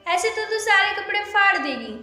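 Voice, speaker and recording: A woman's voice: very high voice, lively intonation, moderate pace, sharp tone, very echoey, heavily acted. A woman voicing a cruel, harsh stepmother who scolds and bullies. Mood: scolding. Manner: scolding, abusive.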